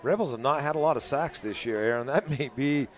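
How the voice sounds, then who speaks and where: A man's voice: medium pitch, a little fast. A man giving brief, laid-back color commentary on a football game.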